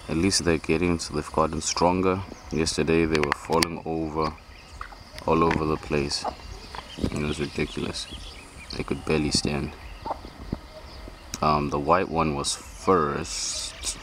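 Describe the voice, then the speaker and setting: This very deep, gravelly male voice belongs to an amateur vlogger narrating animals on a farm, speaking casually off the cuff and musing aloud with questions to himself. He's outdoors in a farmyard, holding the camera and talking from behind the lens. Birds and insects fill the noisy outdoor camera audio.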